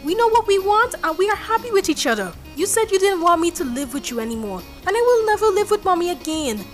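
Woman playing a high-voiced, outspoken young daughter. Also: sing-song, fast, faint music behind. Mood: indignant, defiant. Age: young adult. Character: young student daughter, defensive and outspoken with her father. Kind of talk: domestic drama acting.

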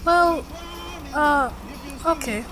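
A woman's voice: high voice, extremely slow, music in the background, a crowd in the background, rough recording. An actress playing a young student daughter in a domestic drama, defensive and outspoken with her father. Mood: cautious, polite. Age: young adult.

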